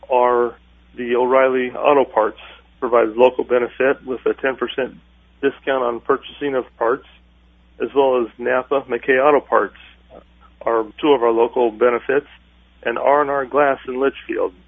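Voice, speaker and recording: Man taped off the radio, halting with fillers, thin phone-like sound, dry. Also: medium pitch, vocal fry, no room sound. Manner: halting, many filler pauses. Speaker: farm organization president, radio guest. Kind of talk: radio interview.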